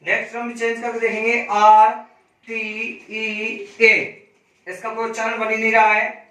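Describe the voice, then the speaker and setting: A man teaching a reasoning class, spelling out letters slowly and asking students questions he then answers himself. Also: high-pitched, monotone, bright, forceful tone, distant mic. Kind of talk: classroom lesson. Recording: echoey room, voice from off-mic.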